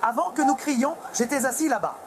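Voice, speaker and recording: High-pitched pleading man, agitated. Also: fairly quick, very noisy. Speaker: passenger being arrested. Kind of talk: dubbed bodycam footage. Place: airport security area.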